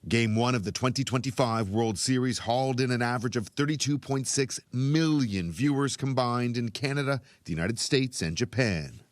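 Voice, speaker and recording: A man reporter narrating a sports news segment in a measured, formal way. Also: medium pitch, no room sound, faint music behind.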